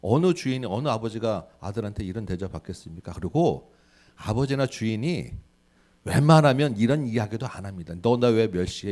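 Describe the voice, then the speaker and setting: A man's voice: mid-range voice, a little mellow. A male pastor giving a sermon, asking the congregation rhetorical questions and acting out quoted speech.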